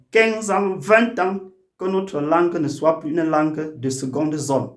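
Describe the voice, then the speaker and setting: In an echoey room, a YouTube channel host and language activist with a slightly high voice delivers a formal, oratorical appeal to his community. He is earnest but hesitates frequently.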